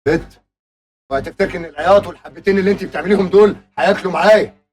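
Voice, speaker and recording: A man's voice: high-pitched, racing, a little mellow, close to an everyday voice. An actor playing a hard-nosed male boss who questions a young woman in a blunt, mocking, commanding way, with an Egyptian accent. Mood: stern questioning.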